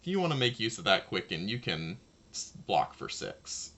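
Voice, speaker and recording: Man with a low, lively, slightly gravelly voice. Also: normal speed. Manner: thinks aloud, talks to his opponent. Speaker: card game player commentating own match. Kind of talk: casual gameplay commentary.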